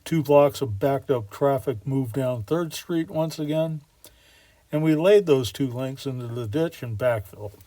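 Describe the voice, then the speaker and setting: A man's voice: mid-range voice, a little slow, mellow, no room sound. Folksy, wry male storyteller. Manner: folksy and wry, with casual slang. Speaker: storyteller and model railroad builder. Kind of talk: storytelling narration.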